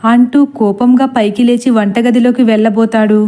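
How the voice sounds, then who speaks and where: A woman tells a horror story in a steady, dramatic reading voice. Her pitch sits on the high side, yet the tone stays dark and mellow. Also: normal speed. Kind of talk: scripted horror story narration.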